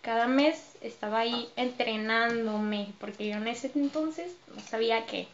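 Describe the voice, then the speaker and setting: A woman with a Mexican accent, a dancer and choreographer, telling stories as a podcast guest in a lively way, laughing often. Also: a little high, measured pace, dull audio. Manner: lively, laughs often, acts out her own past remarks. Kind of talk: casual interview storytelling.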